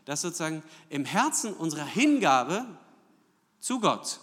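A man's voice: on the high side, big pitch swings, unhurried, a bit bright. A man preaching a sermon, asking rhetorical questions and often checking in with "ja?". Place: church hall. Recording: long church hall reverb.

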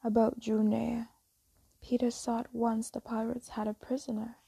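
A woman telling a fairy tale as a soft, slow, whispered bedtime story reading. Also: fairly high pitch, little pitch movement, creaky, breathy edge, dry recording, poor audio.

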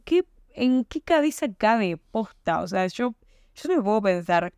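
A woman's voice: mid-range voice, very animated, unhurried, a little mellow, clean tone, no room sound, clean studio sound. A young woman with an Argentine accent hosting a podcast, talking casually and emphatically with rhetorical questions. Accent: Argentine Spanish. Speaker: podcast host. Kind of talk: casual monologue.

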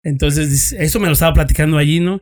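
A Mexican-accented man with a slightly high voice tells a story from his time as a police investigator. He swears freely, drops crude street slang, and plays out both sides of the conversation as he goes. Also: fast talker, a little mellow. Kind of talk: casual storytelling among friends.

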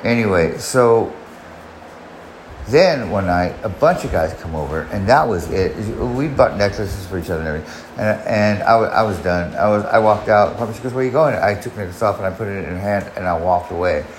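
A podcast host, a man in his forties, speaks at normal speed in a voice that sits low. He rambles through a long personal story, swearing and starting over again and again. Expect an echoey room with faint background noise.

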